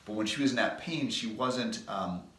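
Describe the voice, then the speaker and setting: A man's voice: lowish voice, moderate pace, a bit bright, roomy sound. A chiropractor in his thirties casually telling rambling personal anecdotes to his patients. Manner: folksy, rambling anecdotes with restarts. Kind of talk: casual storytelling to camera.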